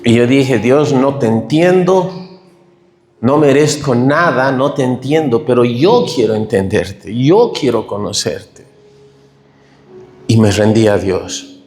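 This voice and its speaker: A middle-aged man preaching a tearful, animated testimony sermon in a church hall. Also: medium pitch, slow, soft background music. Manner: emotional, tearful, animated storytelling. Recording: echoey hall reverb.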